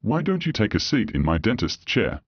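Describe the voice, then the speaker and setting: A man voicing a large, cheerful, scheming male dog dentist who talks fast and coaxingly. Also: on the low side, huge pitch swings, no echo, lo-fi sound, pitched below the performer's own voice, exaggerated voice. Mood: welcoming.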